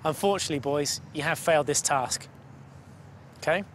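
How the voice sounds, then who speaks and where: A man's voice: on the high side, moderate pace, a bit bright, slight background noise. A man presenting a children's TV game show outdoors, coaxing and guiding the contestants step by step in an upbeat way. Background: background music.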